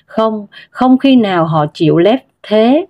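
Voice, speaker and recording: A woman's voice: mid-range voice, animated, takes it slowly. Woman narrating a story on a dull recording.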